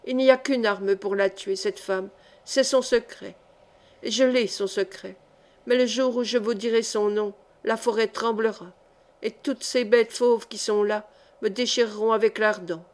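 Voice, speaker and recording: A woman's voice: fairly high pitch, steady tone, a little slow, close to an everyday voice. A woman reading an audiobook, voicing a proud, feverish male brigand chief who speaks in fierce, broken bursts. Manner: fierce, broken, vehement speech.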